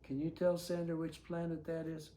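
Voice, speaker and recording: A storybook reader sharing a picture book aloud, pausing for gentle chatty asides and questions to a listening child. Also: mid-range voice, completely flat delivery, slight background noise.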